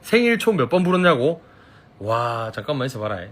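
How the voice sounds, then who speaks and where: A man's voice: medium pitch, very animated, brisk, a bit bright. A man with a Gyeongsang Korean accent chatting casually on a live stream from his phone, reading viewers' comments, playful and teasing and laughing often.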